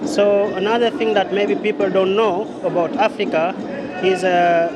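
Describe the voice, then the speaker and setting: High-voiced Senegalese man over loud noise. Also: fairly even intonation, moderate pace. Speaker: interviewee. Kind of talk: spontaneous event interview. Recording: very noisy event with street-like background.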